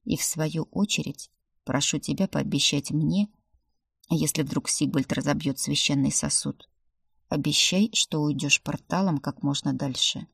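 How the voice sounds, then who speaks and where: Stern male demon prince, woman reading, serious, quiet, low, audiobook, dry sound. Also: measured pace, gravelly, husky, no echo, full character voice.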